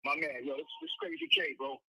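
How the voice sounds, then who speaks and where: A man's voice: very high voice, huge pitch swings, a little fast, vocal fry, husky, no room sound, rough recording. A man calling into a live show, stating his opinion with growing emphasis. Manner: emphatic, rising to loud points. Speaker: caller. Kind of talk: phone-in opinion.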